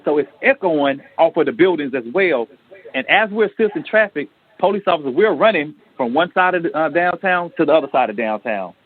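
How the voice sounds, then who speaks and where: Husky man telling a story over a phone line. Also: a little high. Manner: earnest, halting storyteller acting out quoted dialogue. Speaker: guest telling a personal story. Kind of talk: radio talk show storytelling. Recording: tinny phone-line radio audio.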